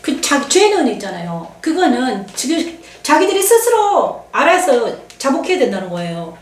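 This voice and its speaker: A woman's voice: high voice, very animated, normal speed, far from the mic. A middle-aged woman pastor giving an emotional, confiding testimony sermon and acting out what others said. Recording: echoey room, voice from off-mic.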